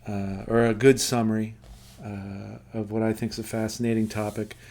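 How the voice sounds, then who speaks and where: A man with a slightly low voice talks through a book he has read. He stops and restarts often, with plenty of ums, and then reads quoted passages in a steadier, measured way. The tone stays casual throughout. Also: little pitch movement, darkish tone. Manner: halting, lots of fillers and self-corrections. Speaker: book reviewer.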